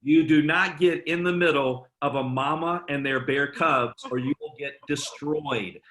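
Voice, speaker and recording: A man's voice: fairly high pitch, measured pace, fairly bright tone, echoey room. A man leading a sales training session, enthusiastic and punchy, with playful jokes. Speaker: network marketing trainer. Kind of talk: energetic training talk.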